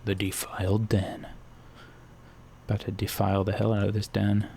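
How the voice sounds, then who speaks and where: A man's voice: lowish voice, completely flat delivery, moderate pace, vocal fry, a little mellow, a little hiss or hum. A young man giving casual, rambling commentary while playing a video game, cracking crude jokes as he goes. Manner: rambling, joking, crude humor. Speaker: gaming streamer.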